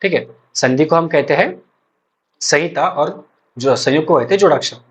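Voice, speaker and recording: A young man, teaching an exam-prep lecture and repeating points slowly with frequent check-ins. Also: on the high side, breathy edge. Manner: explains slowly with many repetitions and check-ins. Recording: dull lo-fi recording.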